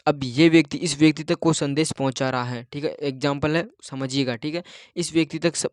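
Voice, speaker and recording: Male teacher giving an exam-prep lecture, slightly high voice, repetitive, checks in often, dry recording. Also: steady tone, fairly quick, clean tone, no echo. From India.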